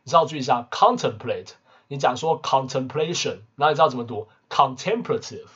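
A man teaching English vocabulary in a casual lesson, constantly adding quick tag questions. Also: mid-range voice, a bit bright, husky. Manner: peppers talk with tag questions. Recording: muffled lo-fi recording.

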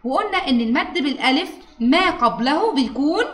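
A woman teacher with an Egyptian Arabic accent, her voice pitched high and her delivery quick. She coaxes her pupil along, prompting with questions and praising each answer. The sound carries an echoey room. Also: expressive, a bit bright. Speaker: primary school teacher. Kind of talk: interactive lesson with a pupil.

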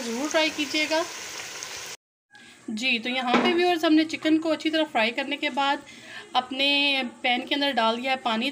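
A woman hosting a cooking channel, calmly explaining a recipe step by step in voice-over narration. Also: high-pitched. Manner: calm step-by-step instruction. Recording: noisy kitchen, sizzling pot.

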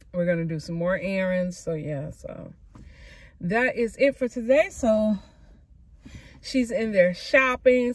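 A woman's voice: mid-range voice, no echo. Chatty woman vlogging from her car. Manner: chatty, upbeat, trailing "so yeah" asides. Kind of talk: casual vlog chat. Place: parked car. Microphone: phone camera on dashboard.

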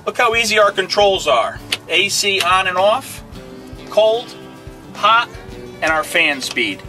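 Bright high-voiced salesman in a tractor. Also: sing-song, takes it slowly, soft background music. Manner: plain, repetitive sales pitch with fillers. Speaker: equipment dealer salesman. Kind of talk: product walkthrough demo. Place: outdoor dealership lot, then inside a tractor cab.

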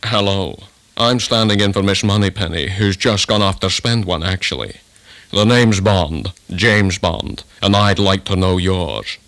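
A man playing a suave, smooth male secret agent who speaks in a dry, deliberate way. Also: sits low, fairly bright tone, no echo.

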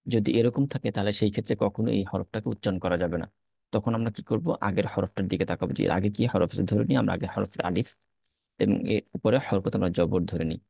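A man's voice: lowish voice, fairly even intonation, quick pace, vocal fry, mellow, no echo. A man teaching an Arabic reading lesson, patiently explaining and repeating letter-by-letter drills.

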